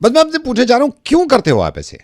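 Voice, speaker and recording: A radio jockey making a prank phone call from a studio, feigning confusion and repeating himself, then ranting loudly. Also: male voice, extremely high pitch, huge pitch swings, very fast, no room sound.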